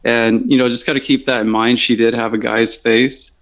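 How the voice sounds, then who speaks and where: A man's voice: medium pitch, flat delivery, moderate pace, a bit bright. A man talking bluntly and with strong opinions in a casual group discussion.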